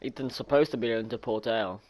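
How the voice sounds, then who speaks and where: A man's voice: medium pitch, fast, darkish tone. A man running a tabletop game with friends, laughing often and joking around. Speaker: game master.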